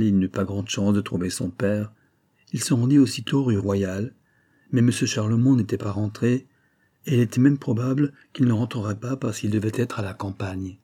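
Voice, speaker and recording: A man reading a classic novel aloud at a slow, measured pace. His voice is low and dark, with a husky grain throughout. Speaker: audiobook narrator. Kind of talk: audiobook narration of a classic novel.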